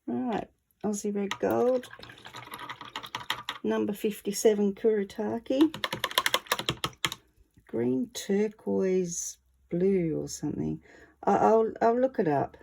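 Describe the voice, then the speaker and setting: A woman's voice: medium pitch, slow pace, vocal fry, long pauses, noisy background. A woman with a wheezy voice, short of breath, chatting casually and easygoing as she presents a hands-on art tutorial. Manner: chatty, easygoing, self-deprecating.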